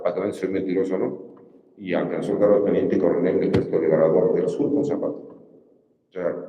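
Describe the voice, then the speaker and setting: Mexican man, campaign speech, emphatic, rhetorical questions, dark voice, long hall reverb. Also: low voice. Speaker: judicial candidate. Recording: distant mic in a reverberant hall.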